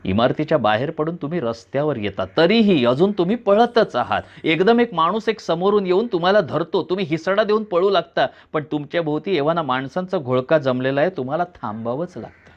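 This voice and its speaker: Brief: male reader with a somewhat high voice, narrating a thriller with suspense, dull recording. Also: expressive, fairly quick, hardly any pauses. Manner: suspenseful second-person narration. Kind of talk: dramatic story reading.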